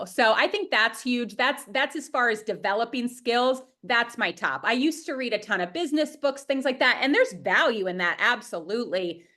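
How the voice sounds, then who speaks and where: A woman with a mid-range, sharp-toned voice gives interview answers over a video call, where she's a guest. She's a dietitian who runs private practices, a bit sniffly from a head cold but enthusiastic, open and chatty.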